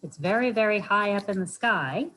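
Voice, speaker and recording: A woman's voice: mid-range voice, lively intonation, normal speed, fairly bright tone, a little hiss or hum, low-quality recording. A woman hosting a storytime for children, reading aloud and chatting in simple words, often putting questions to her young listeners. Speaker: library storytime host for children.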